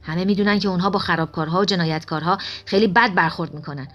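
A woman reading the lines of a suspicious, angry middle-aged family man in an audiobook, in a gruff and defensive manner. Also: on the low side, muffled recording, faint music behind, close to an everyday voice.

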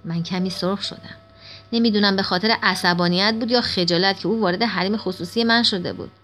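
A woman reading a first-person children's story aloud at a steady pace. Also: medium pitch. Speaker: audiobook narrator.

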